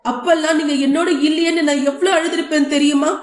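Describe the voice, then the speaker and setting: Woman voicing a hurt daughter grilling her dad, high voice, roomy echo, audio novel. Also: steady tone, fast talker, lightly acted. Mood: reproachful. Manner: reproachful, pleading questions. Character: hurt married daughter confronting her father.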